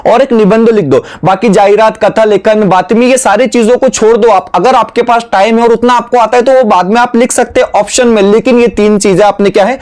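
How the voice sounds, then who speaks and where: A man's voice: high-pitched, fairly even intonation, brisk, few pauses, a little mellow. A man teaching an exam-prep lesson to students, explaining step by step and often slipping in filler phrases.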